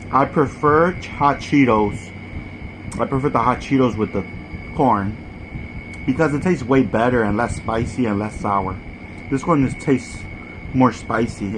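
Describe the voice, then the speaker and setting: A man's voice: medium pitch, a little slow, pauses often. Casual man reviewing food, noisy background. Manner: informal, repeats short verdicts. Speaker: mukbang host. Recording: clearly noisy background ambience.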